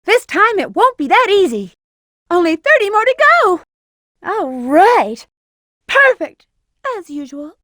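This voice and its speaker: A woman's voice: very high-pitched, big pitch swings, measured pace, pauses often, a bit bright, no echo, studio quality, full character voice. A woman playing a sly, confident, flirtatious female bat treasure hunter in a video game. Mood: smug, teasing. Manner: sassy, flirtatious, self-assured. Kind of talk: video game character voice lines.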